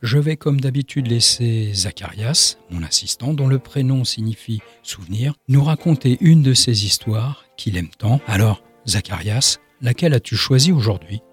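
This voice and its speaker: A man's voice: medium pitch, lively intonation, moderate pace, hardly any pauses, slightly rough. Male radio columnist over faint music. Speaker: radio columnist and show host. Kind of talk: scripted radio presenting.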